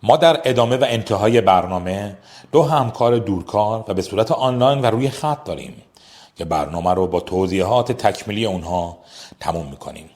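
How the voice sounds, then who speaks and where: A male program host reads his formal, scripted lines at a very rapid pace. His voice sits on the low side, and he keeps a formal, measured phrasing even at that speed. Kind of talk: scripted narration.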